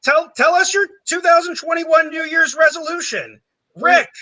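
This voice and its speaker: A man hosting a comedy game show over a video call, upbeat and quick to move things along. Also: very high-pitched, sharp tone.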